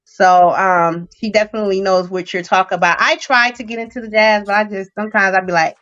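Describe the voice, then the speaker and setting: In dull lo-fi audio, a woman co-hosting a podcast talks at length during a casual interview chat, rambling with many fillers and restarts. Her mid-range voice is steady in tone, a bit bright, and fairly quick.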